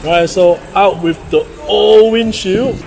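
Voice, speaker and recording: A man's voice: sits high, takes it slowly, vocal fry, darkish tone, faint music behind. A man with a Singaporean accent hosting a casual vlog, speaking colloquially with Singlish particles and tag questions. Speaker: vlog host. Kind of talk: casual vlog chat to viewers.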